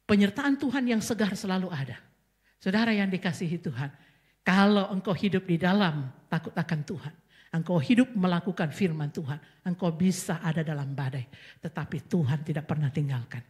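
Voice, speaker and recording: A middle-aged woman pastor preaches a passionate sermon. She drops to soft, close asides and then rises into loud, high cries. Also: expressive, a little fast.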